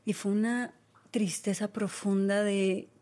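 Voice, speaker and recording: A woman's voice: mid-range voice, fairly even intonation, slow, warm tone. A woman in her thirties with a Mexican accent, hosting a podcast and telling a personal story in a candid, casual way. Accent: Mexican Spanish. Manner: candid, storytelling, lots of fillers. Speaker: podcast host. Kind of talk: casual conversation.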